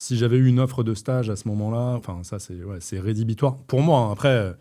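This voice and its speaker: A man's voice: on the low side, fairly quick, dark tone. A man on an interview jury, reacting bluntly and candidly while commenting on a candidate. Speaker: jury member. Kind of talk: casual commentary.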